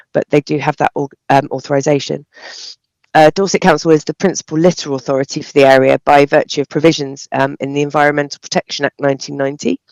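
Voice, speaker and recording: A woman with a British accent and a croaky, hoarse voice, reading a formal statement as a council officer. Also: low voice, a little mellow, no echo, rough recording. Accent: British English. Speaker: council officer responding to a question.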